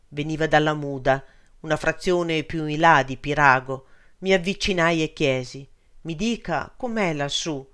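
A man narrating a first-person story in a steady, somber reading voice. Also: fairly high pitch.

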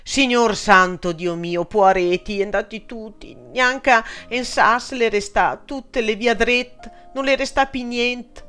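Old village man, voiced by a man, slow broken lament, strained higher voice. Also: sharp tone, clear, resonant tone, soft background music, full character voice.

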